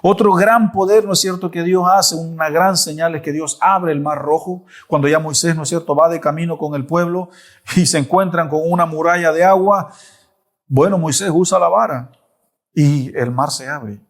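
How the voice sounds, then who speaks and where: A man preaching a Bible study, telling the story with lively asides. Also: fairly high pitch, moderate pace. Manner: animated storytelling with repeated asides.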